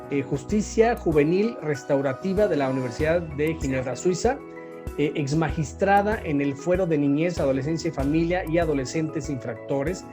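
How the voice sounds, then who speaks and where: An interview host introducing a guest at length and asking questions, pausing and restarting often. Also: medium pitch. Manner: warm praise, many hesitations and restarts.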